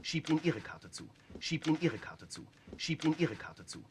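An actor playing a uniformed officer who leads a guessing game at a table, giving playful instructions in a film scene. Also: male voice, a little high, big pitch swings, normal speed, background noise. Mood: game-leading. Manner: instructing, playful, laughs often. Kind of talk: film dialogue.

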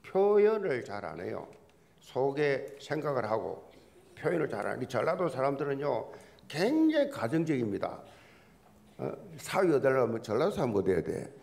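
A male pastor delivers a sermon in a gravelly voice that rises and falls a great deal. He talks like a folksy storyteller and jokes with the congregation. He often repeats his key words to drive a point home. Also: medium pitch, huge pitch swings, normal speed, darkish tone.

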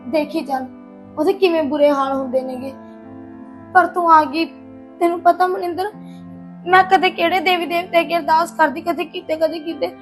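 A woman playing a caring, reassuring sister-in-law in a Punjabi drama. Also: extremely high pitch. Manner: soothing, reassuring.

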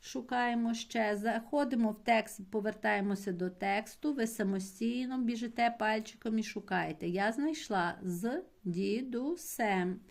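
A woman teacher giving a patient primary school language lesson, explaining slowly and spelling out words syllable by syllable for her pupils. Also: on the high side, gravelly. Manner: slow, patient explaining, addressing pupils directly.

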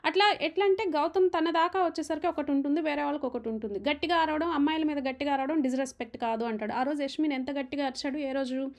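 A woman giving an opinionated, emphatic recap of a reality show argument. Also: sits high. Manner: fast, animated, emphatic, retelling arguments.

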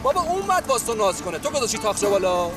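A man's voice: high-pitched, very animated. An actor playing a pushy, ambitious young man who insistently and teasingly coaxes his friend, with a music score underneath. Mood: coaxing. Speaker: scheming friend. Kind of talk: period TV drama acting.

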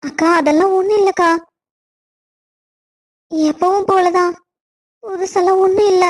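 Woman voicing a high, tearful timid young woman. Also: steady tone, unhurried. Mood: pleading. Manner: soft, pleading.

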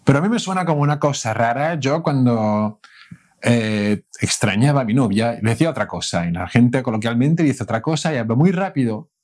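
A man's voice: medium pitch, animated, brisk, a little mellow. A man from Spain with a Spanish accent, teaching Spanish phrases in a playful, casual way and switching between Spanish and English. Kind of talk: casual language lesson.

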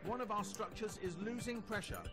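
A calm ship computer in a video game, speaking in a high, bright male voice, as a man plays it. It makes its warnings in a steady, even way, with faint music playing behind it. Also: a little fast. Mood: calm alert.

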